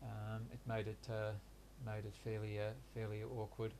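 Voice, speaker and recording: A man in his sixties, born in Hungary and raised in Australia, speaks Hungarian as his first language and tells his life story in a reflective interview. His lowish voice is flat and even, and he talks haltingly and hesitantly, with many pauses and restarts. Some background noise is audible.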